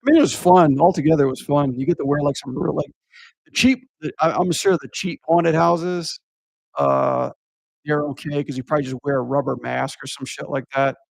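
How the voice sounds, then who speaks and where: Man, gravelly, creaky, rambling, profane, lots of fillers, casual chat, dry close sound. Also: a little high, fairly quick, dry recording, poor audio. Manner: rambling, profane, heavy use of filler words. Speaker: podcast guest recounting a haunted house job.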